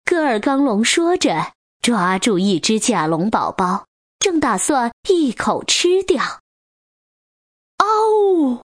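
A woman reading a children's picture book aloud, slow and deliberate, and acting out the sound effects as she goes. Her voice sits fairly high and swings widely, and it is recorded close and dry. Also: very animated, no echo. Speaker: storyteller.

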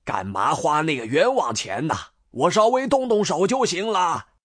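A woman's voice: deep voice, expressive, moderate pace, no room sound, clean studio sound, pitched below the performer's own voice. A woman voicing a kind, doting old grandfather in a storybook reading. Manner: warm, teasing, modest.

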